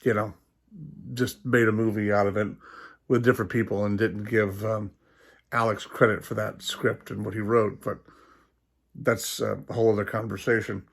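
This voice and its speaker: A man's voice: on the low side, flat delivery, normal speed, gravelly. A man hosting a casual vlog, rambling along with many ums and restarts. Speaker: host.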